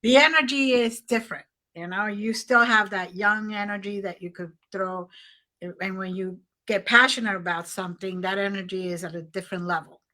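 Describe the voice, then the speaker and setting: A woman's voice: medium pitch, steady tone, moderate pace, bright, forceful tone. A woman in her sixties hosting an interview, affectionate and laughing, calling her guest honey. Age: 60s. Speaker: host. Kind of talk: casual interview chat.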